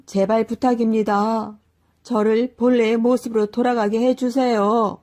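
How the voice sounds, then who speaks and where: A woman's voice: expressive, measured pace, mellow. A woman voicing a lazy young man who has been turned into an ox, speaking in a raised, pleading voice. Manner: high, pleading, panicky exclamations.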